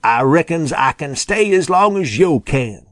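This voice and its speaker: A man's voice: on the high side, expressive, unhurried, dry recording, clean studio sound, pitched above the performer's own voice. A man voicing a proud, touchy old male possum who talks in a folksy drawl and sputters when riled. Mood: defiant.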